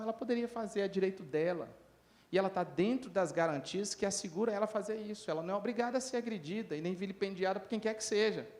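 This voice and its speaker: A middle-aged man giving a lively conference talk, telling stories and acting out the people in them. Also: sits high. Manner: lively, acts out dialogue in different voices. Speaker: lecturer at a conference.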